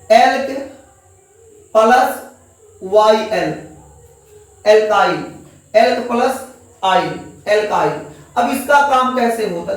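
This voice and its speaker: A high-voiced man teaching chemistry with a lilt, coaxing his students along and echoing every answer back as a question. He sounds set back from the mic in a very echoey room. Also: recorded from a distance. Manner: coaxing, repeats each answer as a question to the class. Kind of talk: classroom chemistry lecture.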